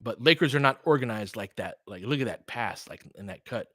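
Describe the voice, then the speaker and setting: Animated and brisk, this American man's medium-pitched, slightly bright voice drives casual live basketball commentary for a fan stream, where he's host and play-by-play caller. His analysis comes in conversational, often clipped phrases. No echo; studio quality.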